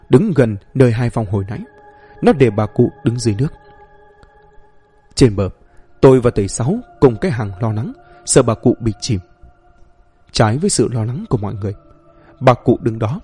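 Man, horror story narrator, dark mellow tone, husky, faint music behind. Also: mid-range voice.

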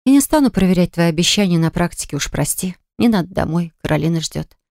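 A woman's voice: on the low side, expressive, fast, gravelly, a little mellow, no echo, studio quality. A woman voicing a hurt young woman who answers her ex-fiancé in a cutting, reproachful way, in an audiobook. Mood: cold. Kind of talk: audiobook dialogue reading.

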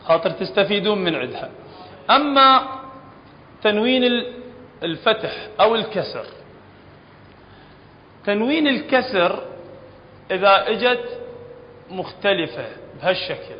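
High-voiced Iraqi man teaching in an echoey hall. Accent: Iraqi Arabic. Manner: explanatory, often checks understanding with the class. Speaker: Quran recitation teacher. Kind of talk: classroom tajweed lesson. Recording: dull lo-fi recording in a reverberant hall, faint background noise.

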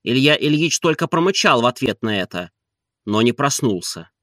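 A man reading a novel as an expressive audiobook narrator. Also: mid-range voice, normal speed, no room sound, clean studio sound. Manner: expressive storytelling.

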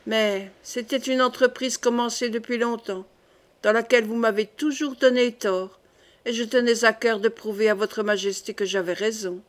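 A cold, controlled queen mother who speaks in measured, persuasive tones. A woman reads her with a somewhat high voice. It is an audiobook reading. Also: steady tone, lightly acted.

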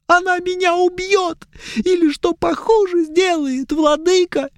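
A man voicing a highborn young male elf prisoner who pleads plaintively, close to tears. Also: fairly even intonation, unhurried. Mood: tearful. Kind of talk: audiobook character voice.

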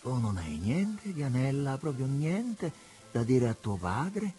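A man reading aloud, voicing a middle-aged father who questions his daughter calmly and slowly, with teasing menace. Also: mid-range voice, faint music behind, voice pushed up. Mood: probing. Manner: calm, slow, teasing questions. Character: middle-aged father, calm, probing, coolly cruel.

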